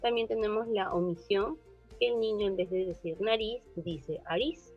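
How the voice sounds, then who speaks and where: A woman giving a group class presentation, explaining steadily and often checking in with a quick question. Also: mid-range voice. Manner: explanatory, frequent tag questions. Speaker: student presenter. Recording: dull, muffled recording with faint music.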